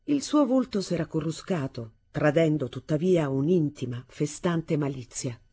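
Husky woman reading a novel aloud. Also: sits low. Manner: measured, expressive storytelling. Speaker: audiobook reader. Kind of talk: literary reading for radio.

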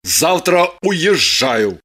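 A woman reading an audiobook voices a calm, firm man who teases his lover with dry mockery. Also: fairly low pitch, extremely slow, husky, exaggerated voice. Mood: insistent. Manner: calm, firm, dryly mocking. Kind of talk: audiobook character voice.

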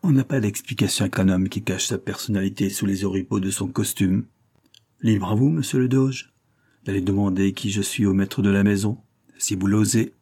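A man's voice: on the low side, steady tone, moderate pace, mellow, breathy edge. A man doing a defiant, mocking masked detective. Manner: bold, ironic, defiant.

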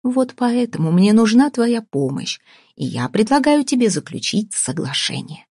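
A woman reading an audiobook voices a domineering, sarcastic older businesswoman who talks slowly and deliberately, with a husky tone. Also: fairly high pitch, big pitch swings, warm tone, no room sound, clean studio sound, pitched above the performer's own voice, exaggerated voice. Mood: scheming. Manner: cutting, sarcastic, slow deliberate delivery.

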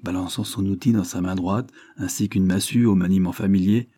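A man narrating an audiobook in a measured, literary reading style. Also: low voice, fairly even intonation, dark tone, slightly rough, no echo, clean studio sound. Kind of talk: scripted narration.

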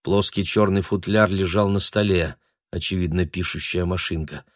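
A man reads a novel aloud in a measured, steady narration. His voice sits in a low register. It is recorded dry and close, with no room echo. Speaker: audiobook narrator. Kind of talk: scripted narration.

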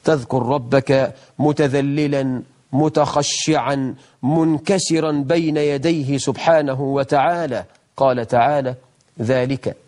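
A middle-aged man with an Egyptian accent hosting a religious TV lesson, talking in lively colloquial speech, slowing down to recite verses solemnly. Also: medium pitch. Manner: lively, mock-imitates people, then slows for solemn recitation. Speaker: TV religious program host, sheikh.

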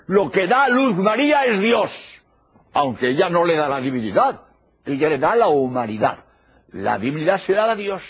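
An aging Spanish preacher lectures on religion in a high, husky voice, stressing and repeating his central phrases. The old tape it's recorded on sounds muffled and lo-fi.

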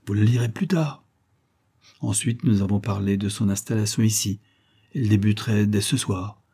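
Warm, husky male audiobook narrator. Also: lowish voice. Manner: measured, wry storytelling. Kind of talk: first-person novel reading.

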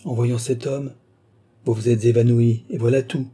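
A man reading the part of a gentle, compassionate noble princess who speaks calmly and tenderly, in an audiobook. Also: mid-range voice, moderate pace, slightly rough, close to an everyday voice. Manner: tender, calm, reasoning.

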